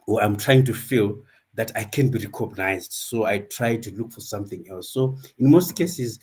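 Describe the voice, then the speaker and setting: A low-voiced man gives a reflective personal talk at an online academic symposium. He speaks thoughtfully and haltingly, pausing to find his words. His voice comes through a video call. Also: a little mellow, husky. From Zimbabwe.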